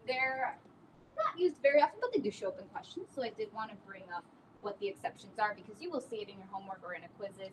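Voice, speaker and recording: Picked up on a distant mic amid obvious background noise, this classroom recording features a woman explaining chemistry naming rules with patience and spelling each word ending letter by letter. She speaks quickly, with an expressive, medium-pitched voice.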